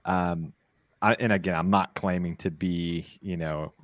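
A man who makes products, talking in a relaxed, reflective way in a casual panel chat. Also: sits low, measured pace, no echo. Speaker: product maker.

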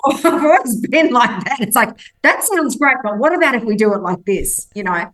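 Her voice sits fairly high and sounds fairly bright, moving expressively at a moderate pace. This woman, a non-native English speaker, is a podcast guest sharing personal stories with emphasis in a conversational interview, voicing quotes dramatically.

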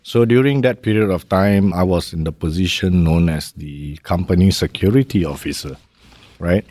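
Deep-voiced Malaysian man, measured talk. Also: a little mellow, no echo. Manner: measured, uses fillers like "how you say" and "right?". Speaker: guest, maritime safety executive. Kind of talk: conversational interview.

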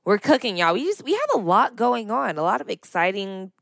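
Woman, young adult, podcast co-host, animated storytelling, exasperated, dry close sound. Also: mid-range voice, a little fast, creaky, no echo. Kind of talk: casual chat.

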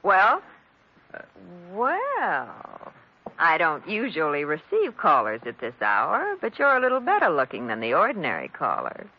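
A teasing flirtatious wife. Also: female voice, deep voice, huge pitch swings, normal speed, few pauses, full character voice. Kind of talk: 1950s radio drama acting. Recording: dull old radio broadcast.

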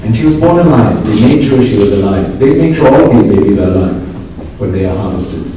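Male friar, from Singapore, chatty lecturer who keeps asking "okay?"; warm low tone, booming roomy echo. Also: expressive, brisk, slight background noise. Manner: conversational, checks in with "okay?", dry jokes. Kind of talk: informal lecture to a group. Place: large room in a pilgrim house. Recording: very echoey hall, distant mic.

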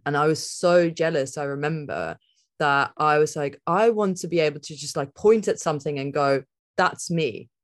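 As a guest on a podcast, a woman with a low voice talks at a moderate pace in a reflective interview. She rambles as she thinks aloud, laughing often and saying "like" a lot.

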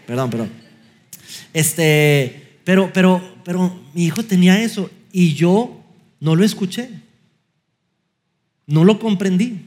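Delivering a sermon in a high-sitting voice, this middle-aged preacher with a Mexican accent tells stories with animation, voicing the dialogue himself and adding light self-mocking humor.

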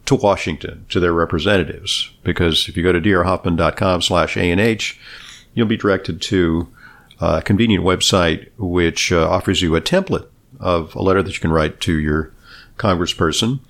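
A man hosting a podcast in casual, halting talk, his voice slightly hoarse. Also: low-pitched, a bit bright. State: slightly hoarse after screaming at a game. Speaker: podcast and radio host, doctor. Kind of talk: casual talk show chat.

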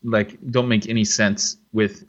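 A man's voice: fairly low pitch, level tone, a little slow, a bit bright, dull audio. A man co-hosting a podcast in casual chat, rambling with restarts and fillers. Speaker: podcast co-host.

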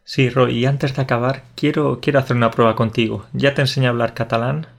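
A man's voice: medium pitch, little pitch movement, quick pace, gravelly. A man from Andalusia with an Andalusian Spanish accent, co-hosting a casual podcast chat. He jokes, laughs easily and explains things patiently. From Andalusia, Spain. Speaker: podcast co-host.

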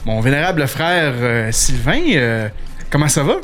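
A man with a Québécois French accent hosting a casual radio chat, animated and full of fillers. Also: medium pitch, normal speed, faint music behind. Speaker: podcast host.

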